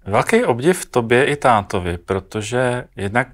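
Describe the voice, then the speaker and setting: A man's voice: mid-range voice, very animated, a bit bright. A man hosting a talk show, asking short sympathetic questions. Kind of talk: interview.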